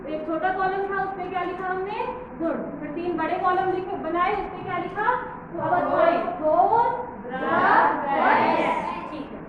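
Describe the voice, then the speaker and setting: A very echoey, noisy classroom recording of a woman teacher, caught from a distance. She drills pupils with short questions, repeating herself loudly and deliberately as if to someone hard of hearing. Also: very high-pitched, steady tone, muffled recording. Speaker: school science teacher. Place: indoor school classroom with pupils.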